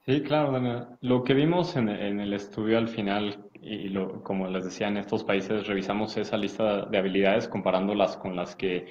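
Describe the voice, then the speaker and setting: A man on a webinar panel explaining study results in a measured way. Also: on the low side, fairly even intonation, a little mellow. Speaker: panelist, business network director. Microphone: remote video call. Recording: dull lo-fi call audio.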